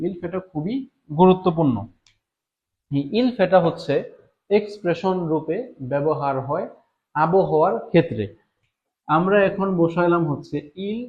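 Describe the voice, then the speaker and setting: A man's voice: fairly high pitch, highs cut off. A man giving a live online lesson, patiently explaining French words and repeating each one several times. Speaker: French teacher.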